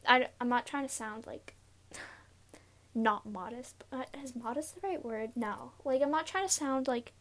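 Young woman, higher-pitched, nervous and giggly, halting casual solo podcast delivery from inside a closet. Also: a bit bright. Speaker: podcast host. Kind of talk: casual confessional solo talk. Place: inside a closet, sitting on a pillow.

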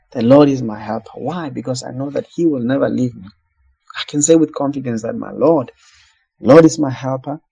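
A man's voice: medium pitch, creaky, mellow, slightly rough, rough recording. A man from South Africa preaching a sermon, earnest and repeating phrases for emphasis.

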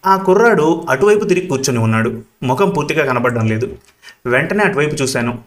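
A man's voice: a little high, expressive, fast talker, natural voice. A man reading the part of a middle-aged woman who hesitantly confides a worrying secret to her older sister. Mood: confiding.

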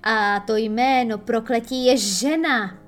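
A woman voicing a grave, superstitious male pirate who speaks slowly and darkly, in an audiobook reading. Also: a little high, soft background music, natural voice. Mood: ominous. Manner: dark, slow, ominous.

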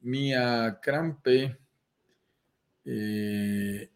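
A man co-hosting a live stream, answering viewer questions and reading out names. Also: mid-range voice. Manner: explains quickly, reads out viewer names. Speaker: co-host of a real estate investment live stream.

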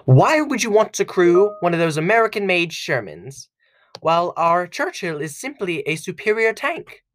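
A man doing a fussy, pompous tank commander, pitched well above his own voice and swooping through a lively, sing-song range. He is prim and gentlemanly, all stiff-upper-lip propriety, in a homemade audio story. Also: moderate pace. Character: pompous old-fashioned British male tank commander.

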